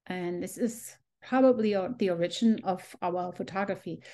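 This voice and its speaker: A middle-aged German woman teaches a photography workshop live on a video call from a room at home, presenting to a small group with enthusiasm and frequent ums. Her German-accented voice is fairly low and dark, at a normal speed, picked up by her computer mic.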